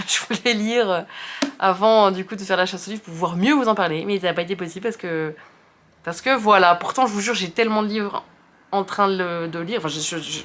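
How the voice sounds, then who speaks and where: A woman's voice: mid-range voice, a bit bright. A young woman with a French accent chatting casually about books she likes, rambling with many fillers and restarts and poking fun at herself. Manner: self-deprecating, chatty. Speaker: book video host.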